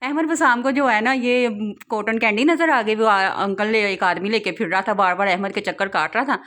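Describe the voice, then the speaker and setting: A young woman narrating her family outing in a relaxed vlog, chatting and laughing often as she tells it. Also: medium pitch, a little fast. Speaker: vlogger, mother.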